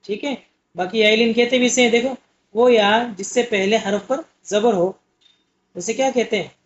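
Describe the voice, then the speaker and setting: A man's voice: high voice, steady tone, moderate pace. A man teaching an Urdu exam-prep lesson, explaining patiently and asking questions that he answers himself. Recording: muffled lo-fi audio.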